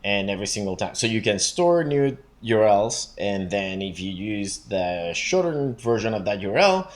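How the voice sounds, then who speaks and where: A man with a fairly low voice that rises and falls a great deal, talking through code on a screencast. He is casual and thinks aloud, dropping in fillers as he goes. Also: animated, moderate pace. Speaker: programming show host.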